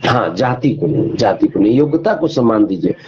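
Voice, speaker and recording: Over a dull, lo-fi phone line with a crowd audible behind him, a male interview guest argues his views emphatically, repeating phrases and throwing out rhetorical questions. His mid-range voice moves fairly quickly and swings widely in pitch.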